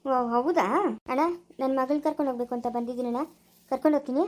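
A woman acting out a sharp-tongued village mother with a rural Chikkaballapura Kannada accent, her voice very high and piercing. She talks fast and accusingly, always ready to pick a quarrel. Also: fairly even intonation, lightly acted. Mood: complaining. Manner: scolding, rapid and accusing. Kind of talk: amateur family skit acting.

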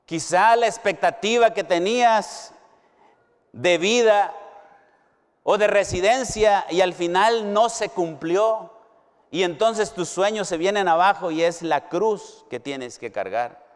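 A middle-aged Mexican pastor preaching slowly and emphatically, his clear, resonant voice sitting a little high for a man. He leans on long pauses and swings between raised, ringing lines and hushed ones. The sound trails off into the long reverb of a large hall. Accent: Mexican Spanish. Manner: slow, emphatic preaching with dramatic pauses and swings in pitch and volume. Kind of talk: sermon. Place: university hall or chapel.

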